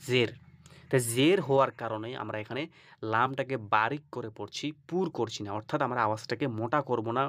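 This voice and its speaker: A man's voice: mid-range voice, a bit bright, dry recording. Guy teaching quran reading, patient, keeps checking you got it, dry close sound. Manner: patient and repetitive, often asking "ঠিক আছে?" and drawing out Arabic examples slowly. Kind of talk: instructional video lesson.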